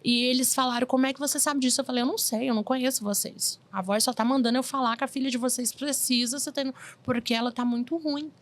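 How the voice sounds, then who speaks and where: Animated storytelling woman in her forties. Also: high-pitched, fast talker, few pauses. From Brazil. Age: 40s. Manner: animated storyteller who acts out quoted voices. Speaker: medium, interview guest. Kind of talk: casual storytelling interview.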